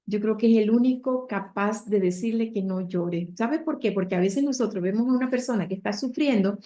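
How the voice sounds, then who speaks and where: A woman's voice: mid-range voice, a little fast, mellow. A woman preacher retelling a Bible story with heartfelt emotion, speaking directly to her listeners.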